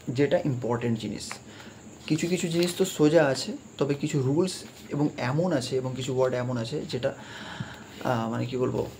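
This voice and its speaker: Man teaching grammar, steady mid voice. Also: medium pitch, background noise. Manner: slow deliberate reading of English examples, mixing English terms into his talk; frequent hesitation fillers while explaining. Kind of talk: explanatory lesson.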